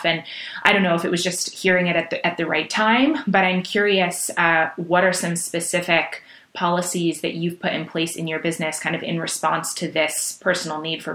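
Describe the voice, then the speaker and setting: Low-voiced woman host in an echoey room. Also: fairly bright tone. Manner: thoughtful, halting, many fillers. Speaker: podcast host. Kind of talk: casual interview chat. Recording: roomy, echoey sound.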